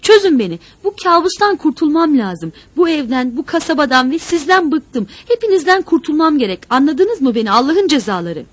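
A woman reading the part of a defiant young woman tied to a chair, pleading and then shouting in rage. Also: fairly high pitch, very animated, brisk, breathy edge, dry recording. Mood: furious shouting.

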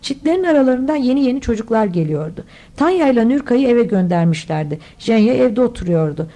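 Woman, audiobook narrator, mellow warm voice, slightly high, steady reading. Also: brisk. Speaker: audiobook reader.

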